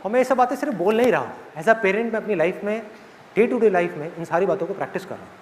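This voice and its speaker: Animated guy in his 30s from india joking with a crowd, highish voice, big hall echo. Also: fast talker. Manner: animated, joking, asks the audience questions. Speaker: motivational speaker. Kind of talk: live motivational talk. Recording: reverberant hall with audience.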